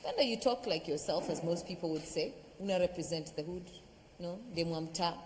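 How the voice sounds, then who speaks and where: A woman's voice: on the low side, fairly quick, darkish tone, in a large hall, slight background noise, poor audio. A woman hosting a television reunion panel, teasing and laughing often with her guests. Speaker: reunion show host.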